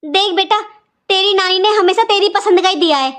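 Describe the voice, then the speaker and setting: A stingy, sharp-tongued aunt, played by a woman in a cartoon, with a very high voice. She lectures and complains without letting up. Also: normal speed. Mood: scolding. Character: harsh, stingy aunt by marriage. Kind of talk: cartoon voice acting.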